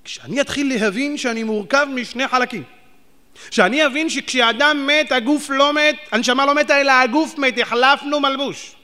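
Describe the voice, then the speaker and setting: A man preaching a sermon, animated and firing rhetorical questions at his audience. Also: extremely high pitch. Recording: long hall reverb.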